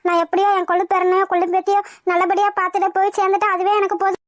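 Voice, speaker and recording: Brief: a cartoon elderly granny, very high voice, dry close recording, gentle and contented. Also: little pitch movement, very fast, no room sound. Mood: tender. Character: elderly grandmother longing for great-grandchild. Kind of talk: cartoon voice acting.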